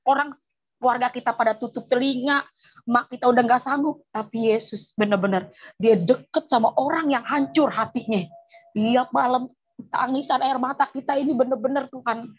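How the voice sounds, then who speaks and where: A woman telling her personal religious testimony in an animated, emotional way, on a dull lo-fi recording. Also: on the high side, breathy edge. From Indonesia. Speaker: testimony giver.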